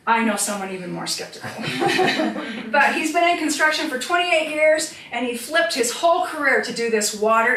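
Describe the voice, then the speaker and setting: Bright high-voiced woman quizzing a crowd. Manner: upbeat, quizzes the audience. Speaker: teacher giving a product demonstration. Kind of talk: live product demonstration to an audience. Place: room with a live audience. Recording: echoey room, distant mic, faint noise.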